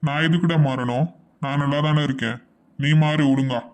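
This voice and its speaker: A man's voice: medium pitch, fairly even intonation, moderate pace, natural voice. A man voicing a strict, hot-tempered young husband in a Tamil cartoon, with a stern, scolding way of talking. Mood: grumpy.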